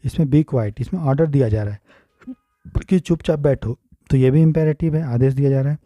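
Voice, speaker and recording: A man's voice: mid-range voice, a little fast, warm tone, no room sound. An Indian man teaching an exam-prep grammar lesson, explaining step by step and often checking if students follow.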